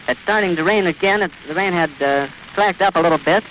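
A male radio reporter giving vivid, urgent live commentary outdoors at an airfield, pausing to catch his breath. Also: high-pitched, fairly bright tone, poor audio. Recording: old 1930s archive radio recording with hiss.

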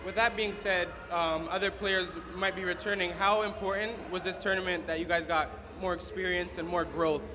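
A man's voice: sits high, steady tone, moderate pace, few pauses. A man interviewing players after a game, asking plain scripted questions. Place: indoor arena. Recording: reverberant arena with background noise.

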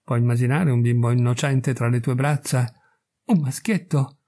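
A man's voice: mid-range voice, fairly even intonation, normal speed, mellow, lightly acted. A man doing a grave, solemn old-time priest. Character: stern, persuasive middle-aged priest.

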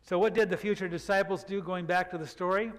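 An older pastor preaches a reflective sermon from the church pulpit, unhurried and drawing out words for emphasis. His voice sits high, with a steady, fairly bright tone. A pulpit microphone picks him up amid long church reverb.

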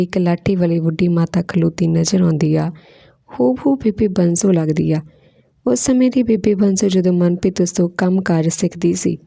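A woman narrates an emotional story in a slow, descriptive way. Her voice is low and gravelly with a dark tone. The recording is dry and close. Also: no echo.

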